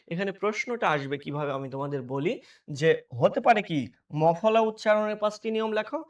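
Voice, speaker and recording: A man teaches an exam-prep class in a high voice. He poses questions and answers them himself, checking in with students often. His voice sounds a little distant from the microphone.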